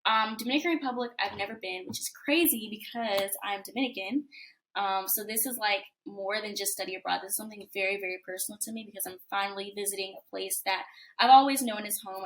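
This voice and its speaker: A young woman in her twenties talks over a video call as a guest, her voice crisp and bright. She rambles in an upbeat, chatty way, with lots of fillers and likes, at a mid pitch. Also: slight background noise. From United States. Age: 20s. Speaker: guest, college student. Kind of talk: casual interview chat.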